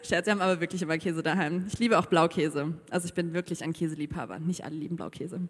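A woman preaches a sermon, relaxed and conversational, with bits of humor and questions tossed to the listeners. Her voice carries through a church with a long, ringing reverb. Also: lowish voice, fast.

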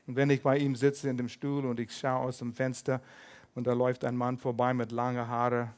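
An older man preaching a sermon as pastor, lively and humorous, with small slips in his German. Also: medium pitch, a little fast.

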